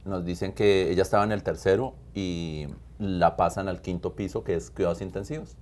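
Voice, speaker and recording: A man's voice: deep voice, steady tone, moderate pace, darkish tone. A man, a pastor, telling his personal faith testimony in conversation, earnest and emphatic, repeating key phrases.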